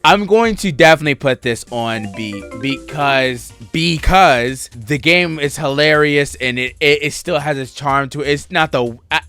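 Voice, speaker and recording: A young man giving casual, joking tier-list commentary on video games, excitable and chatting straight to his viewers. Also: on the high side, clean tone. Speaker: gaming YouTuber.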